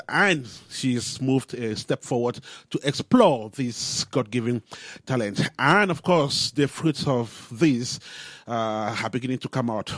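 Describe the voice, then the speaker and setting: A man hosting a radio interview show from a studio. He speaks in a measured way, pausing often with "uh" and "um". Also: medium pitch, no echo. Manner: measured, with frequent "uh" and "um" pauses.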